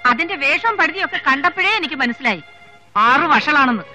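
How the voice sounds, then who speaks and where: Brief: a high-pitched, harsh middle-aged aunt, scolding and cutting. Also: female voice, lively intonation, fairly quick, sharp tone, faint music behind, exaggerated voice. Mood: furious. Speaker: scolding elder woman of the household. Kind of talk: 1990s film dialogue.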